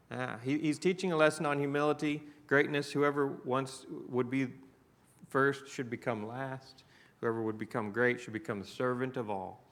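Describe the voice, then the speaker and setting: Man, Southern US accent, church Bible class teacher, conversational, asks the class questions, mid-pitched voice. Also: fairly bright tone.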